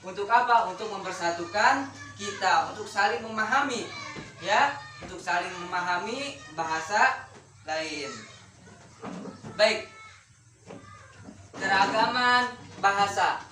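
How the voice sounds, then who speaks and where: A woman's voice: mid-range voice, slow pace, long pauses, bright, forceful tone, soft background music. A woman teaching a classroom lesson, firing questions at her pupils and repeating key words. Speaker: schoolteacher. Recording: roomy classroom heard from a distance.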